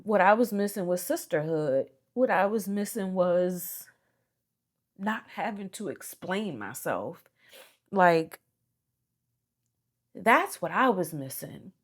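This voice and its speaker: A woman vlogging from her hotel room, teary from crying, speaking slowly and heartfelt with many fillers into a close mic. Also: medium pitch. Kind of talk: emotional casual vlog reflection. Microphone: small mic held close.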